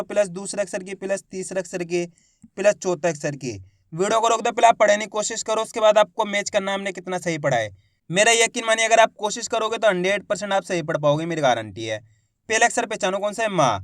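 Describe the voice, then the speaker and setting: A man with a high voice leads a reading lesson and coaxes his listeners along. He sounds out each syllable slowly and then says the whole word. The recording is dry and close, with no room sound. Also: dry recording. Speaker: Hindi reading teacher. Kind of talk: spoken lesson.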